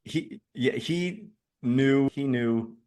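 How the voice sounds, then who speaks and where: Hosting a casual online community meeting, a man rambles and jokes through a congested, rattly chest cold. His mid-range voice is a little mellow and very slow, and the recording is clean.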